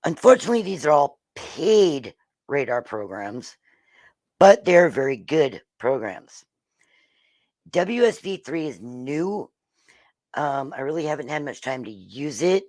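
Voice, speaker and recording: Slow, slightly hoarse weather host. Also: mid-range voice, sing-song, darkish tone, no room sound. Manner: slow, halting, frequent ums and throat clearing. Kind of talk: casual livestream explainer.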